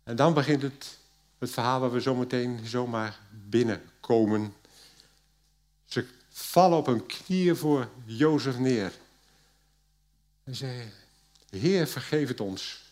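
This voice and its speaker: A man preaching a sermon, retelling a story in a lively way that swings between loud and hushed, with hesitant pauses. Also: mid-range voice.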